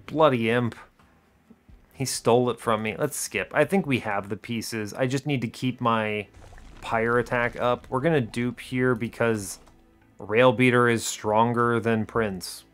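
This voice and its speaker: A man with a medium-pitched, fairly bright voice hosts a gaming video. He thinks out loud about his strategy, keeping it casual and wry with short colloquial remarks, accompanied by game music.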